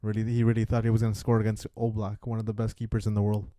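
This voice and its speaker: A man's voice: on the low side, rapid-fire, no echo. A man co-hosting a podcast, talking football casually, swearing freely and calling his co-host "dude". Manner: relaxed, swears casually, says "dude" often. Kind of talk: casual sports chat.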